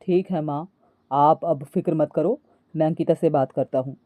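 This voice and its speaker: A woman voicing a young husband who speaks in a low, firm, mildly scolding way. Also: normal speed, mellow, dry recording, close to an everyday voice. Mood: stern. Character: young husband, patient but annoyed.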